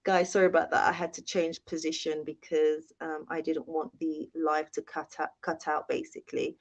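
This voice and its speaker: Dull, lo-fi live-stream audio captured on a handheld phone carries the deep, fairly flat voice of a young woman from the United Kingdom. At a moderate pace, she hosts a casual Q&A, chatting, reading out viewer comments and frequently thanking them.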